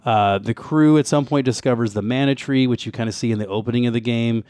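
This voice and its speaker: A man's voice: mid-range voice, fast, a little mellow, clear, resonant tone, dry recording. A man co-hosting a casual retro gaming podcast, presenting background notes with wry, joking asides. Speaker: co-host giving game background.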